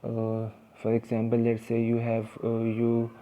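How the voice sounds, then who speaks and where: Speaking in a monotone, mellow, medium-pitched voice at a measured pace, an Indian-accented man teaches English vocabulary informally. His delivery is casual and hesitant, full of fillers and restarts.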